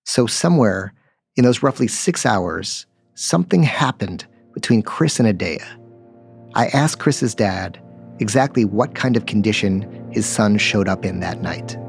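Guy narrating true crime, lowish voice, music under it. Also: animated, measured pace, gravelly. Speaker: podcast host and investigator.

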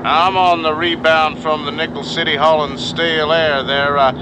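Brief: a trucker over CB radio, slang-heavy, slightly high voice, loud engine noise behind. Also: male voice, little pitch movement, moderate pace. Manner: heavy CB trucker slang, ends turns with "come on". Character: cryptic male trucker on the CB. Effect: heard over a CB radio.

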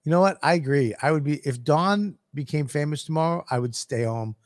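A man's voice: fairly high pitch, fairly quick, no room sound, clean studio sound. A man co-hosting a podcast in casual banter, rambling with stammered restarts and teasing his co-host.

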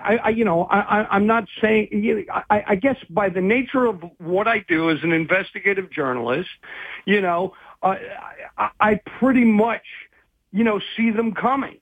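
A man's voice: high voice, no echo. A man speaking as a guest investigative journalist, rambling and hesitant, with many restarts, in a phone interview. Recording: tinny phone line.

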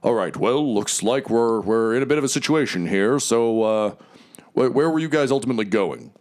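A man voicing a gruff, annoyed male merchant boss who barks brisk orders. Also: medium pitch, animated, darkish tone, voice pushed up, close to an everyday voice. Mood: irritated. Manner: brisk, irritated, barking orders.

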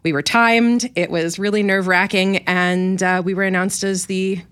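A young adult woman from Winnipeg's Ukrainian community, a teacher and festival ambassador, appears as a radio guest and earnestly explains things at length. Her voice is mid-range and fairly bright, with fairly even intonation, a moderate pace, and a clean tone.

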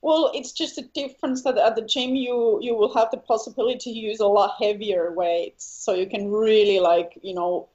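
A woman's voice: medium pitch, steady tone, moderate pace, hardly any pauses, a little mellow, highs cut off. A Finnish woman being interviewed about her singing, speaking English with a Finnish accent, searching for words and laughing often. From Finland. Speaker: guest singer. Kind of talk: casual interview chat.

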